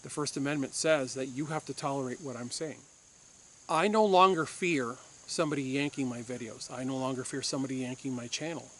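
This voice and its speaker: A Puerto Rican former police officer who runs a firearms channel delivers an insistent opinion piece to the camera, repeating points for emphasis. His medium-pitched voice is brisk and fairly bright, with slight background noise.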